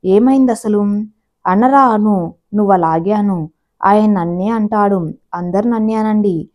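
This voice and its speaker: A woman's voice: mid-range voice, unhurried, a little mellow, lightly acted. Woman doing an aggrieved, quarrelsome housewife. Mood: bitter. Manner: complaining, emotional, indignant. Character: aggrieved middle-aged housewife, hurt and quarrelsome.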